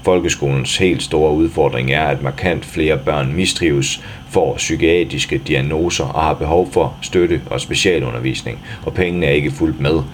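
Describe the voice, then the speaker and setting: A man reading a news article aloud in a steady, even way, even speaking the punctuation. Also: a bass voice, few pauses, a little hiss or hum.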